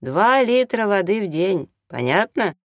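A man's voice: high-pitched, sing-song, a little slow, fairly bright tone, dry recording, clean studio sound, pitched above the performer's own voice, heavily acted. A man reading an audiobook, voicing a brash, hard-drinking doctor who jokes and orders people about. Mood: offhand. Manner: jokey, bossy, offhand.

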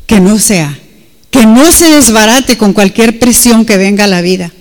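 Woman, preacher, emphatic, repeats herself, bilingual, reverberant hall. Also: medium pitch. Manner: switches between Spanish and English, emphatic and repetitive. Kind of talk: sermon.

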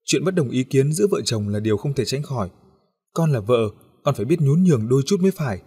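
A man's voice: medium pitch, animated, fast talker, a little mellow, breathy edge. A man voicing a scolding old grandmother. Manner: lecturing.

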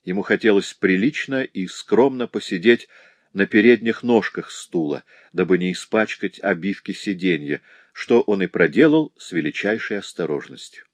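Deep-voiced male audiobook narrator. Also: dry recording. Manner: measured, expressive reading. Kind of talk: scripted narration.

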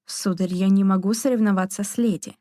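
Curt, cold aristocrat; woman narrator voicing him, warm, dry close sound. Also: mid-range voice, steady tone, a little fast, no room sound, lightly acted. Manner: curt, icy. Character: stiff proud nobleman, cold and curt. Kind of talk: audiobook character reading.

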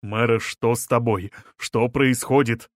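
A man reading the lines of an urgent male companion who shouts commands to get a woman out of a crowd. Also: mid-range voice, steady tone, measured pace, no echo, clean studio sound, close to an everyday voice.

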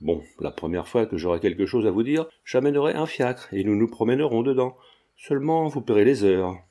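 A man's voice: medium pitch, animated, fairly quick, warm tone, lightly acted. A man reading as a brash young painter. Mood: teasing. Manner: blunt, teasing.

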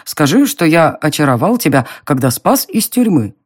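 Reading an audiobook, a narrator plays a smug young nobleman who mocks and teases. The delivery is slow, drawling, and low but husky, with big swings in pitch and a mocking mood.

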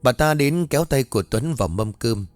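Male storyteller for a ghost tale, animated delivery, dry close mic. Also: mid-range voice, brisk, no room sound. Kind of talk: scripted ghost story narration. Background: faint background music.

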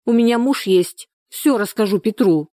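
A woman's voice: medium pitch, moderate pace, dark tone, dry recording, clean studio sound, lightly acted. A woman reading a storybook, voicing a nosy, easily flustered village shop saleswoman.

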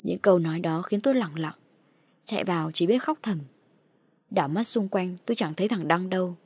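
A woman's voice: on the low side, fairly quick, a little mellow, slightly rough, no echo. A woman reading a first-person horror story aloud in a tense, dramatic way. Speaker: narrator. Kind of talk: scripted horror story narration.

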